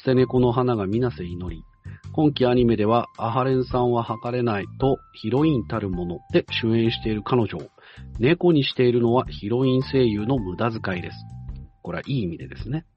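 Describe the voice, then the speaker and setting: Male host, mid-pitched, reads listener mail in a measured way with hesitant fillers; muffled lo-fi sound over faint music. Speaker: radio-style show host. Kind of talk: reading a listener's letter aloud with side comments.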